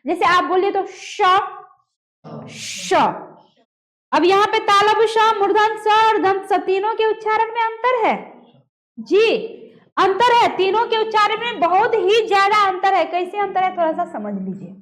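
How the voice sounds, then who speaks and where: Very high-voiced woman teaching pronunciation. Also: lively intonation, normal speed. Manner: demonstrates sounds and quizzes students. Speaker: Hindi grammar teacher. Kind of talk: classroom lesson on pronunciation.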